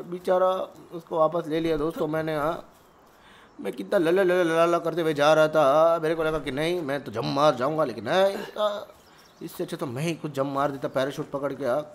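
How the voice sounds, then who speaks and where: A man giving playful gameplay commentary, excitable and joking, with frequent exclamations. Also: fairly high pitch. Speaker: gamer.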